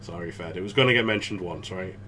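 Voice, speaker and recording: Chatty male podcast co-host, bright tone, low-ish voice, laughs easily. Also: a little hiss or hum. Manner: chatty and rambling, quick to laugh. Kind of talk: casual gaming podcast chat.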